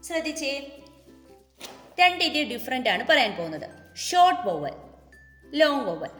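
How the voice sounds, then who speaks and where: A woman with a Malayali accent teaching young children phonics, sounding out letters slowly and coaxing them to repeat after her. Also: fairly high pitch, a bit bright. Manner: slow, drawn-out sounding out of letters and words. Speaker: kindergarten teacher. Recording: echoey room with long reverb, faint music.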